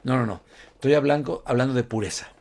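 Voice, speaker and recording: A man's voice: mid-range voice, fast, vocal fry, darkish tone. A man delivering a conversational sermon, often calling his listeners "brother" and asking them rhetorical questions. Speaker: preacher.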